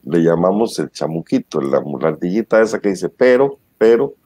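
A man hosts a casual talk show and picks his words in measured, searching phrases. His voice is deep and dark. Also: animated, breathy edge. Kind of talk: casual chat.

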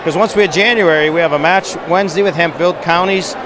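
A middle-aged man talks fast and animated in a postgame interview, his voice sitting a little high. He holds a handheld mic in a big high school gym, with the crowd noise clearly heard behind him. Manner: animated, gesturing while standing. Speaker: wrestling coach. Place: high school gym, large indoor space. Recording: noisy gym background.

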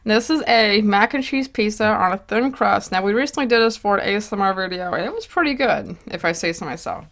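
A woman with a mid-range, fairly bright voice hosts a laid-back mukbang, chatting while she eats. Her delivery is lively and fairly quick with hardly any pauses, and she laughs and occasionally trips over her words.

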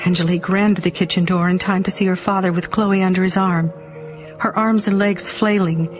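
A woman's voice: on the low side, fairly quick, soft background music. Woman narrating a dramatic audiobook. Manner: dramatic, expressive reading.

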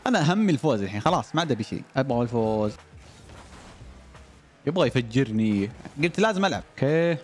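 A man's voice: fast talker, pauses often, faint music behind. A young man commentating on his own gameplay, cheering and groaning at the plays. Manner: excitable, shouts and cheers at plays, jumps from low mutters to high yells. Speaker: gaming YouTuber.

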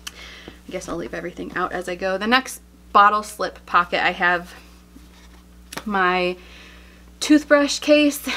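A young woman talks casually to her viewers, a little out of breath, her voice at a middle pitch. She chats along with many "um"s and light laughs as she shows things one by one. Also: a bit bright. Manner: chatty, many fillers and laughs. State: slightly out of breath. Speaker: vlogger. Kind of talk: casual chat showing items.

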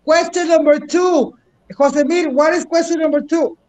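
Very high-voiced male teacher. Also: fairly even intonation, a little slow, darkish tone. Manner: encouraging, switches between English and Spanish. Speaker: English teacher. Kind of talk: online class instruction.

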